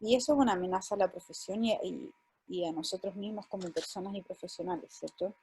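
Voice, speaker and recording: A woman's voice: medium pitch, fast talker, a little mellow, slight background noise. A woman from Chile moderating an online panel, speaking hesitantly with fillers and restarts.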